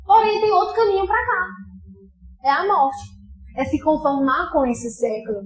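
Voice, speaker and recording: High-voiced Brazilian woman preaching. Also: steady tone, normal speed. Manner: impassioned, swings between loud outbursts and soft asides. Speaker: pastor preaching. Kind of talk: sermon. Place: church sanctuary. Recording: echoey church hall with faint music.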